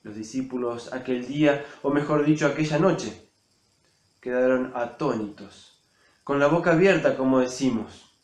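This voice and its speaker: A man giving a sermon reflection, storytelling with expressive swells and drops in loudness. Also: medium pitch, normal speed, echoey room. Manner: expressive, rising and falling loudness for emphasis. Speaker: preacher.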